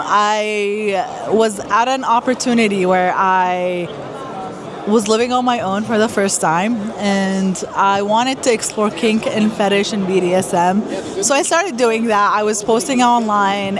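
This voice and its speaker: A young woman from Iraq answers interview questions in an easy, candid way, often pausing on fillers. Her voice sits at a middle pitch. A busy trade fair crowd murmurs clearly around her. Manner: candid, with many halting fillers. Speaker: guest performer. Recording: loud crowd chatter behind.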